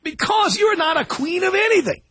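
A man's voice: very high voice, animated, moderate pace, creaky, pushed and bright, dry recording. A man hosting a call-in radio show, mocking and arguing with a caller and cutting in constantly. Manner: mocking, argumentative, interrupts constantly. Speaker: radio talk show host. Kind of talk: combative call-in radio talk.

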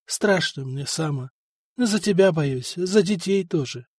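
A man reading the part of a worn-out young princess just after childbirth, speaking softly and plaintively. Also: on the high side, expressive, unhurried, breathy edge, no room sound, clean studio sound. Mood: anxious. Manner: tired, soft and plaintive.

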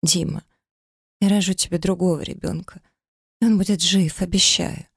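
Guy doing a weepy shrill young wife, lying and clingy, gravelly edge, dry sound. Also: steady tone, normal speed, fairly bright tone, no echo, heavily acted. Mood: pleading. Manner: pleading, sobbing, shrill. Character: young deceitful wife, tearful and hysterical.

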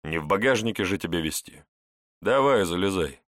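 A courteous young officer who speaks in a calm, genial, smiling tone, as the male narrator voices him. His delivery is lively in tone. It is a dry, close audiobook read. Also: low-pitched, moderate pace, dry recording.

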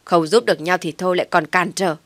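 Storybook role: indebted rude young man, woman reader, shouts back insolently, dry close sound. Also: on the low side, fast, no echo, natural voice. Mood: defiant shouting.

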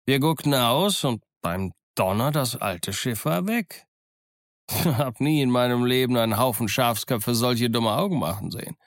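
A man voicing a cunning, genial yet menacing old male pirate in an audiobook, with a gruff, folksy, wheedling way of talking. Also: medium pitch, lively intonation, measured pace, dry recording. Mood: gruff, sly. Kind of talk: audiobook character voice. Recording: dry close studio sound.

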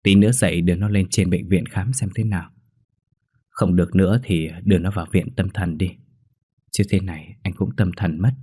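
Spoken by the male narrator, a gruff rural father with a very deep, husky voice, scolding and shouting. The sound is dry and close to the mic. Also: steady tone, moderate pace, no echo. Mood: weary. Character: gruff village father and butcher, shocked and angry.

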